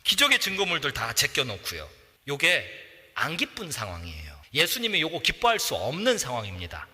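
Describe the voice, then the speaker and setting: Man, pastor, sermon, bright forceful voice, long church reverb. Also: mid-range voice, a little fast. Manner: animated, acts out voices and shouts.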